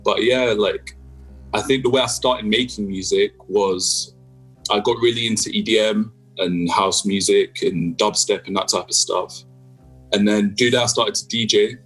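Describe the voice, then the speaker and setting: A man's voice: lowish voice, steady tone, measured pace, fairly bright tone, husky, faint music behind. A young man from the UK, a guest musician on a video call, talking in a laid-back way with lots of fillers. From United Kingdom. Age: young adult. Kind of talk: casual video-call interview.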